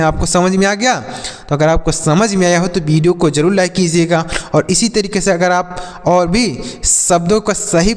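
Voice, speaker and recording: A man's voice: fairly high pitch, big-room sound. A man teaching English pronunciation rules to video viewers. He spells words out letter by letter, repeats each rule, and asks his students' questions himself before answering them. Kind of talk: classroom-style lesson for video.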